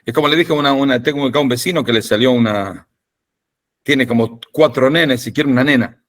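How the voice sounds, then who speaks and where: A man's voice: medium pitch, fairly quick. A man teaching a rabbinic class over a video call, speaking informally with jokes and often checking in with "ok?". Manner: animated, asks "ok?" to check understanding. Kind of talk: informal lecture with humor. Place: home or office in Jerusalem.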